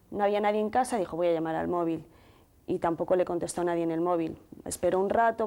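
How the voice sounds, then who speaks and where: Woman with a mellow, dark voice, from Madrid. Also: medium pitch. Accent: Spanish from Madrid. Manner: measured, detailed retelling with quoted dialogue. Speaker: guest, sister of the deceased. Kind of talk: emotional first-person account in a TV interview.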